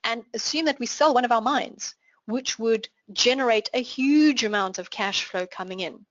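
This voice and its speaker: A woman with a South African accent, teaching a finance class online and walking through examples in a clear, explanatory way. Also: on the high side, moderate pace, no echo, highs cut off. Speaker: finance instructor. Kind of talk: live online class lecture.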